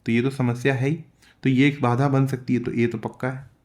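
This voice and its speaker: A man teaching English comprehension, reading passages slowly in English and explaining them in Hindi, asking and answering his own questions. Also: mid-range voice, little pitch movement, darkish tone. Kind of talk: bilingual lesson explaining an editorial.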